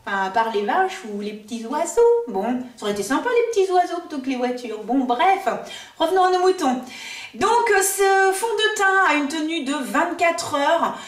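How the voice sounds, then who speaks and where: A woman with a high, bright speaking voice chats through a makeup review from her home in the countryside. She fills her talk with fillers and self-mocking asides. She sits a little away from the camera mic, so the room echoes around her. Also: animated, normal speed, far from the mic. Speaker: beauty vlogger. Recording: roomy echo, voice a bit off-mic.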